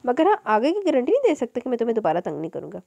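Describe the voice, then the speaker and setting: A woman's voice: fairly high pitch, huge pitch swings, racing, gravelly, mellow, no room sound, exaggerated voice. A woman voicing a playful young man who teases his family. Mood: teasing. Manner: bantering, teasing.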